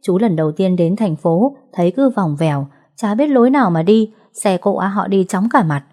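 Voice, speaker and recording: A woman's voice: mid-range voice, lively intonation, moderate pace, warm tone, lightly acted. A woman voicing a sly male kidnapper who plays a friendly stranger, talking in a falsely friendly, coaxing way.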